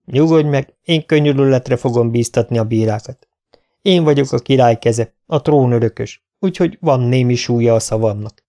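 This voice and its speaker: A man doing a calm, grave royal heir. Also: mid-range voice, lightly acted. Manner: measured, reasoning.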